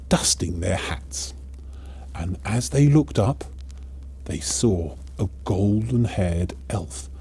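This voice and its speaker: A man playing a kindly old Father Christmas, gently narrating a storybook to children. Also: lowish voice, slight background noise, exaggerated voice.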